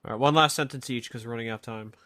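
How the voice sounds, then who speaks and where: A man's voice: medium pitch, racing, bright, forceful tone. A young man hosting a casual podcast chat, blunt and teasing, steering the talk along. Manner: wraps up segments, teasing and blunt. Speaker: podcast host.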